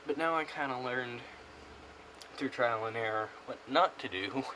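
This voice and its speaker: A man's voice: mid-range voice, unhurried. A young American man rambling casually in a vlog review, talking with a pouch tucked in his upper lip. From United States. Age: young adult. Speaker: product reviewer. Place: small room indoors. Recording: clear background noise on camera mic.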